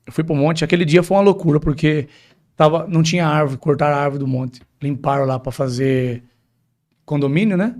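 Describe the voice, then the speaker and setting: A man's voice: on the high side, fairly quick, darkish tone. A man, a pastor telling a personal testimony in a podcast interview, emphatic and often addressing the host directly.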